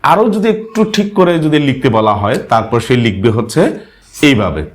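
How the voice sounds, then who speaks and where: A man teaching a language lesson, explaining spelling and sounds step by step and often checking with a questioning "yes?". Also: a little fast. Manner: frequent questioning "হ্যাঁ?" to check understanding; lively rising and falling pitch.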